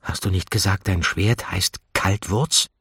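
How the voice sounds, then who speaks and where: A man voicing a nervous, flustered young mortal man, speaking in hushed, uneasy tones. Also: low-pitched, a little slow, husky, no echo, studio quality, full character voice.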